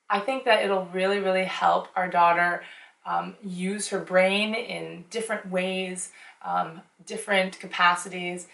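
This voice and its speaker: With a creaky, fairly bright, medium-pitched voice, a woman from the United States whose first language was Chinese shares earnest parenting tips on her casual vlog, often filling gaps with "um." She is a parent and the show's host, recorded with a roomy echo from a mic set some distance off.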